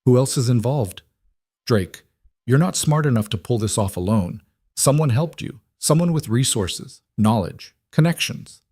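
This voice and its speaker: A man voicing a steady, fierce young woman who speaks firmly and directly in a spoken story. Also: mid-range voice, unhurried, husky, dry recording, clean studio sound, pitched above the performer's own voice. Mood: pressing. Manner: firm and direct.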